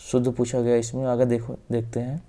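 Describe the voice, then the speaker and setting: A man with a North Indian Hindi accent teaching exam-prep grammar in a steady, flat delivery. His voice is dark and mellow, and he works through each question methodically, repeating the answers. His phrases often trail off softly at the end. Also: mid-range voice, brisk. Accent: Hindi-speaking North Indian. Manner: explains step by step, repeats answers, often says "ok".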